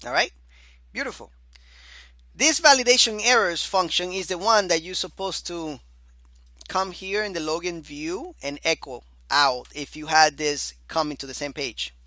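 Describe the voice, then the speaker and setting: Over a screen recording, a man teaches a beginner programming course in a casual, chatty way, often saying "all right" and calling the listener "my dear student." His voice is fairly high and sharp and is going hoarse, at normal speed with no room sound.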